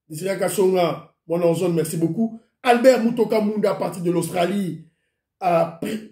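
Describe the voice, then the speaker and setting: A man's voice: high-pitched, dark tone, roomy sound. A man with a Congolese accent hosting his own online show, chatting casually and greeting his viewers one by one by name. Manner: greets commenters by name, mixes in Lingala. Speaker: YouTube show host.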